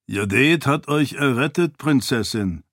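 A man voicing a stern, cunning male warrior priest with a slight foreign accent, speaking calmly and condescendingly. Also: medium pitch, no echo, clean studio sound. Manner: calm, measured, condescending.

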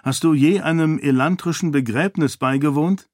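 A man voicing an eager, curious young male leader in an audiobook, speaking a little higher and livelier than his narration. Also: normal speed, a little mellow, no echo, studio quality, lightly acted.

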